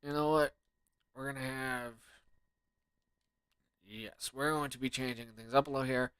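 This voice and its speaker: A man's voice: medium pitch, fairly even intonation, normal speed, fairly bright tone, smooth, dry recording. Male gamer, casual commentary, grumbling and profane, mutters to himself, dry recording. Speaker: gamer playing and commenting on a game.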